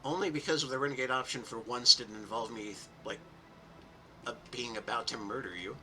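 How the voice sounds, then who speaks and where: A man's voice: medium pitch, a little fast, crowd noise, rough recording. A young man streaming a game, commenting in a rambling, self-mocking, casual way. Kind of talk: gameplay commentary.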